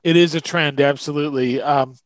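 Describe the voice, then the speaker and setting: Male interview guest, slightly high voice, swollen-tongue slurring, halting delivery, conversational. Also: steady tone, no room sound. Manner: halting, searching for words. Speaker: guest, food writer. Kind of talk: casual interview talk.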